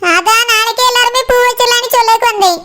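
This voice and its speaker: Bright-voiced woman with Kanyakumari Tamil accent. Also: extremely high pitch, quick pace.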